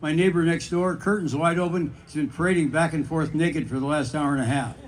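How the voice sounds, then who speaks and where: An old man voicing a fussy old woman who complains to a sheriff, speaking more softly and indignantly than in his narration. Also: on the high side, a little fast, slight background noise, natural voice, low-quality recording.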